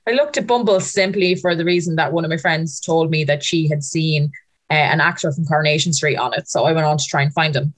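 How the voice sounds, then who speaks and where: Brief: young Irish woman, slightly low voice, relaxed podcast co-host, swears freely. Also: fast talker. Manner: chatty, swears, quotes people in put-on voices. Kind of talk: casual chat.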